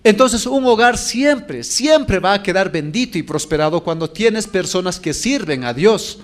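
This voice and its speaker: A pastor delivers a sermon in a high, lively voice. He preaches with animation and slips into the voices of the people in his stories. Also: unhurried.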